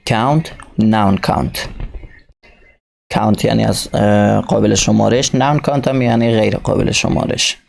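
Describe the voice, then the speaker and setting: Gravelly man teaching English slowly. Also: fairly low pitch, steady tone, slight background noise. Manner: reads English slowly, explains in Dari. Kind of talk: recorded textbook lesson.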